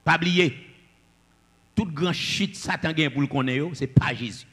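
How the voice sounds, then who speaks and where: Husky high-voiced preacher. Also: male voice, measured pace, long reverb tail. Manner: swings between loud declamations and low asides. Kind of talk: sermon.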